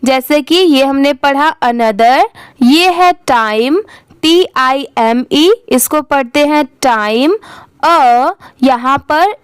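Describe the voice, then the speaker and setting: A young woman teaches English reading in a high, unhurried voice. She spells each word out letter by letter, then asks and answers her own question about how it is said. The sound is close and dry. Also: no echo.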